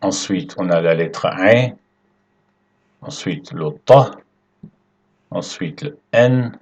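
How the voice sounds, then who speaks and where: A man teaching Arabic letters at a whiteboard, explaining slowly and patiently and checking in with his students often. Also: sits low, animated, slightly rough, dull audio. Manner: slow and patient, checks in with "d'accord?". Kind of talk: whiteboard language lesson.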